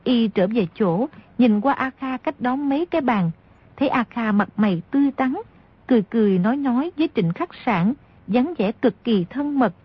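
A woman reading a martial-arts novel aloud as an audiobook narrator, in a steady, measured way. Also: fairly high pitch, breathy edge, no room sound. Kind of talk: scripted storybook narration. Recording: dry, dull lo-fi audio.

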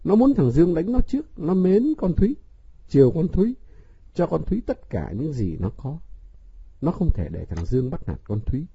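A man reading a novel aloud as narrator, in an expressive storybook manner. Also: a little high, normal speed, vocal fry, a little hiss or hum. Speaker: audiobook narrator. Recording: dull, dry lo-fi recording.

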